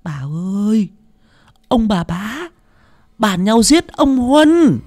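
A man's voice: high-pitched, sing-song, unhurried, pitched above the performer's own voice. A man voicing a frightened twelve-year-old servant boy in an audiobook story, stammering and breathless. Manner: stammering, breathless, repeating words in panic.

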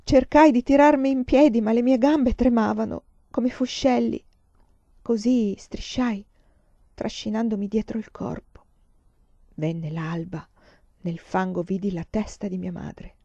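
A woman reading a novel aloud in a measured, sombre storytelling voice. Her tone is warm and mellow. The recording is dry and slightly muffled. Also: fairly high pitch, no room sound. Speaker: reader.

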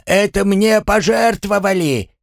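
A man voicing a tiny, hot-tempered male curse-master creature who squeals and drags out his yells. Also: gravelly, no echo, clean studio sound. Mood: indignant. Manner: shrill, squealing, drawn-out yelling.

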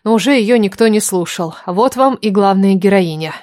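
A woman's voice: medium pitch, normal speed, no room sound. Woman narrating a story, dry voice. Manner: even, steady storytelling. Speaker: audiobook narrator. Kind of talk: first-person scripted narration.

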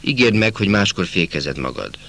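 A man voicing a kind, fatherly army officer and teacher who speaks gently and calmly. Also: sits low, slight background noise, exaggerated voice. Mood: gentle fatherly.

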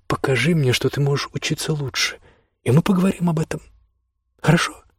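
A cold, dismissive mother who cuts her son short with brief, clipped answers, as a male reader voices her. The voice stays husky and a little hushed, close to the reader's own. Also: a little high, a little fast, no echo, voice pushed up. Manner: curt, dismissive. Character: strict tired mother, middle-aged woman, cold.

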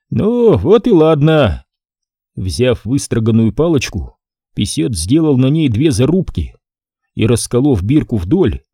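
A man narrates a historical novel in an even storytelling manner, pausing for short explanatory notes. His voice is dark and mellow, with a lively, varied pitch. The recording is close and dry. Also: breathy edge, no room sound. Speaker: audiobook narrator.

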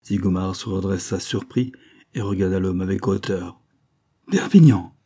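A man reading an old serial novel aloud in a measured, steady narration. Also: low-pitched. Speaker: audiobook reader.

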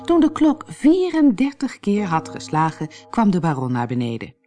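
Woman storyteller reading a fairy tale, low voice that swoops widely, faint music behind. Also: moderate pace. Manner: lively, expressive. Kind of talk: audiobook fairy tale narration.

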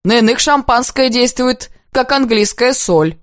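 A woman's voice: a little high, a little slow, dry recording, clean studio sound, pitched above the performer's own voice, close to an everyday voice. A woman voicing a jovial young man who speaks in a teasing, wry way. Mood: mocking.

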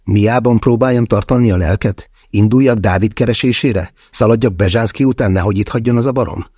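A man narrating a thriller audiobook in the first person with tense, measured delivery. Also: on the low side, warm tone, husky, no room sound, studio quality.

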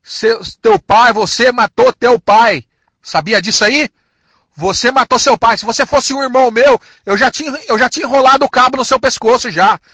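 The speaker, a São Paulo man talking in that city's Portuguese, sounds extremely high-pitched, somewhat bright, and husky, with no echo in the audio. He's aggressive throughout, heaping on insults and repeating long-winded threats in an angry rant. He comes from São Paulo, Brazil.

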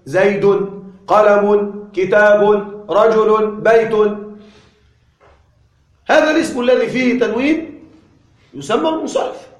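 A man with a high-pitched voice teaches a classroom grammar lesson. He goes slowly, repeats each example and poses questions he answers himself. The room around him is noticeably echoey.

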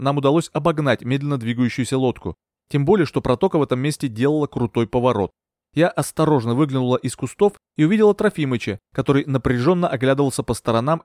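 A man reading a thriller audiobook in steady, even storytelling narration. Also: mid-range voice, no room sound, studio quality. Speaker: audiobook reader. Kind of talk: scripted narration.

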